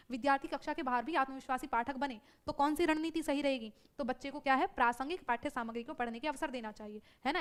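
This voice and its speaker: Quick high-voiced woman teaching a class. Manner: brisk, self-correcting, often asks the class and checks in with "ठीक है". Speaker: exam prep teacher. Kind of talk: live online exam-prep class.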